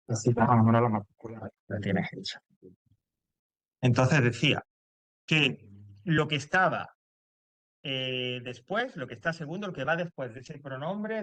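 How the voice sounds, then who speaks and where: A man's voice: mid-range voice, expressive, a little slow, long pauses, fairly bright tone, dry recording. A man teaching English grammar to a class, explaining step by step and checking in often.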